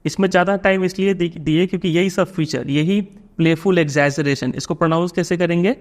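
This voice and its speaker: A man's voice: high-pitched, fairly quick. A man with an Indian accent, a teacher explaining a poem to students in a patient way, often checking that they follow.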